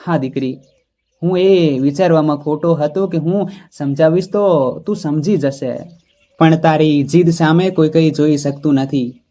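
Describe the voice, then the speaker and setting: A man's voice: on the high side, measured pace, warm tone, close to an everyday voice. A man voicing a weary older father who speaks humbly and pleadingly. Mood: resigned.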